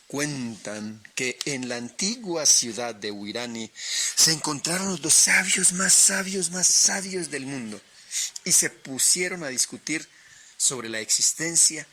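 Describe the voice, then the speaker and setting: Slow, bright male storyteller. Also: mid-range voice. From Colombia. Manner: expressive, dramatic pauses. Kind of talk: oral storytelling on radio.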